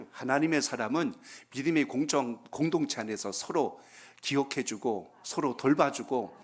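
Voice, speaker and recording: This pastor has a husky, mid-range voice and speaks at an ordinary pace. He's preaching at a Friday prayer meeting in the church sanctuary, asking for amens and telling homespun jokes.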